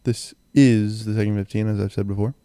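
A young man with a phlegmy, sick throat rambles in a low-key way as he hosts a casual solo podcast into a close handheld mic. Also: steady tone, fairly quick, warm tone, no echo. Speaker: podcast host. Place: in bed, indoors. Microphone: handheld mic and audio recorder, close.

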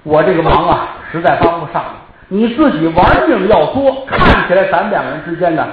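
A man voicing a shrewd, cool young woman who mocks her enemy, on an echoey, dull recording with loud noise. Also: fairly high pitch, expressive, a little fast, distant mic, natural voice. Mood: mocking. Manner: mocking.

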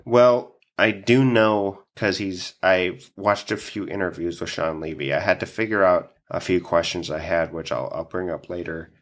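A man hosting a podcast in casual chat, stuffy from allergies, who swears often and laughs a lot. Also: deep voice. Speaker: podcast host.

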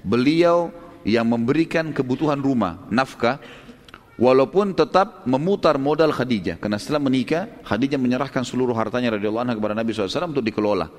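Fast-talking male preacher in a reverberant hall. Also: medium pitch. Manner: animated storyteller, acts out quoted dialogue, frequent tag "gitu kan". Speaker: Islamic preacher teaching a study group. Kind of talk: conversational religious lecture. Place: lecture room with a live audience.

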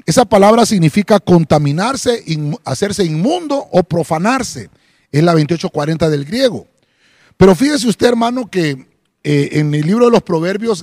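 High-voiced man preaching a sermon. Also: darkish tone, no room sound, clean studio sound. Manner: addresses listeners as "hermano" often, with fillers and restarts; slows down to stress scripture. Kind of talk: sermon with Bible reading and prayer.

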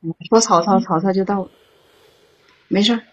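A woman's voice: medium pitch, fairly even intonation, normal speed. A woman calling into an advice show, telling her own story with stammering repeats. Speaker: caller.

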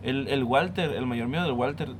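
A man's voice: mid-range voice, normal speed, background noise. A young man with a Mexican accent, chatting casually on a podcast with friends, dropping slang constantly. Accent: Mexican Spanish. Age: young adult. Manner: slangy, ends phrases with "güey". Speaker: podcast co-host. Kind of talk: casual chat. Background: friends talking over each other.

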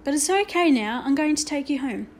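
A woman doing an earnest, hushed schoolboy. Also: high-pitched, animated, brisk, slight background noise.

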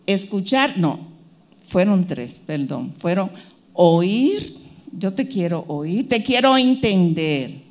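A woman's voice: lowish voice, very animated, slow pace. Woman preacher, emphatic and repetitive, acts out the voices she quotes. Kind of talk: sermon.

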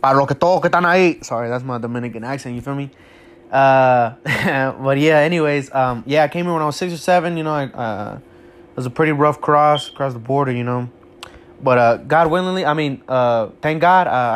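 A teenage boy from Mexico hosting his first solo podcast episode, talking casually and nervously with lots of fillers and restarts, without a proper mic. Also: mid-range voice. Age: teens. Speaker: podcast host.

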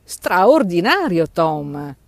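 A man voicing a tipsy, excitable young man who exclaims in a raised voice, in a storybook reading. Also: a little high, normal speed, no echo. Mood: excited.

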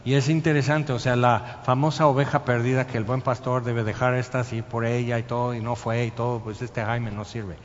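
A man preaching a sermon, telling the story lively and acting out scenes and sounds. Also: mid-range voice, fairly quick, few pauses. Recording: muffled sound in a reverberant hall with faint noise.

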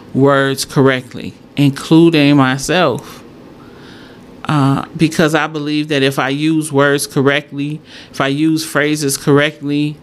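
A woman chatting casually to followers as a host, thinking aloud and repeating her points for emphasis. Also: low-pitched. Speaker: solo host. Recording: clear background noise, room ambience.

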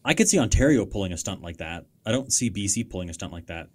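A man's voice: low-pitched, lively intonation, fast talker, a little mellow, breathy edge. A Canadian man co-hosting a podcast, explaining politics in casual chat with a sarcastic edge. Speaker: podcast co-host.

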